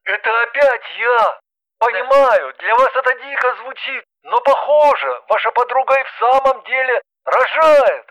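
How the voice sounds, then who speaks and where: Woman reading as timid flustered man on a phone, pleading, slow, muffled line, bright tone. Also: fairly low pitch, no echo. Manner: hesitant, pleading.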